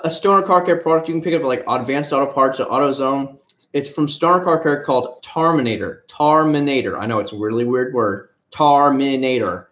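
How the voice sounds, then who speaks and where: A man from Florida hosts a casual livestream, wandering from topic to topic and retelling what he told people. His voice sits at an ordinary pitch. The sound has a noticeable room echo. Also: a bit bright. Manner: rambling, chatty, retells conversations. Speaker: livestream host. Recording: echoey room.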